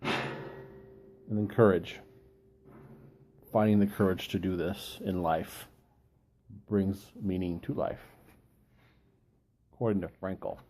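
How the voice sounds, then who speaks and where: Low, mellow man musing aloud. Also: steady tone, takes it slowly, long pauses. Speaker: book reviewer giving an informal chat. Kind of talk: reflective solo talk, quoting and explaining.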